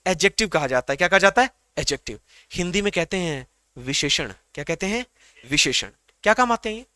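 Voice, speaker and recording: A man gives a grammar lecture in a high, bright voice. His tone is crisp and clear, and the recording is close and dry with almost no room sound. He drills the class by asking questions and answering them himself. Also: no echo. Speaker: English grammar teacher.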